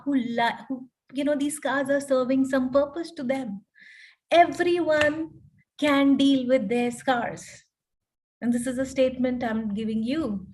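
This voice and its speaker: A woman's voice: high-pitched, a little mellow. A woman coach and counselor explaining healing in an online panel talk, often checking in with tag questions.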